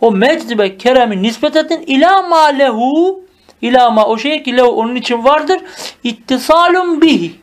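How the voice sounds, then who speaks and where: A man teaches in the style of a traditional madrasa. He reads short classical phrases aloud, then explains each one. He keeps the lesson moving with questions that he answers himself. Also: very high voice. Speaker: Arabic teacher.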